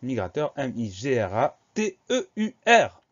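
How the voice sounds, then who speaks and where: A man teaching a spelling lesson, explaining words slowly and spelling them out letter by letter. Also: mid-range voice, wildly swooping pitch, highs cut off.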